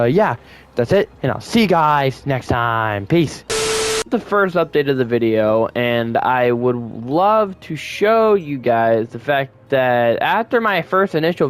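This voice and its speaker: Rambling male online commentator. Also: mid-range voice. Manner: rambling, frequent self-corrections. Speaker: YouTube commentator. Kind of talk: casual commentary.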